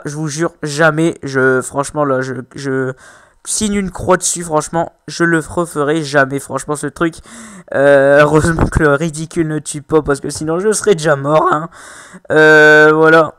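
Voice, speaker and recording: Hesitant young man, smooth and dry. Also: on the high side, a bit bright, dry recording. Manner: hesitant, apologetic, full of hesitations. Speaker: gaming video creator. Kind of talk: casual video outro.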